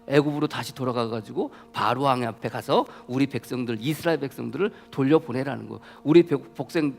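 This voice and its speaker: A man's voice: medium pitch, fast talker, vocal fry, a little mellow. A male pastor preaching a sermon, constantly putting rhetorical questions to the congregation and building in intensity. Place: church sanctuary. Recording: reverberant church hall.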